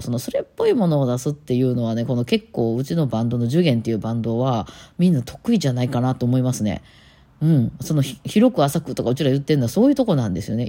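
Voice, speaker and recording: Rambling woman with a Kansai lilt. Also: very deep voice. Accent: Kansai Japanese. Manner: rambling and animated, lots of fillers. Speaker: musician and podcast host. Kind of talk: casual solo talk.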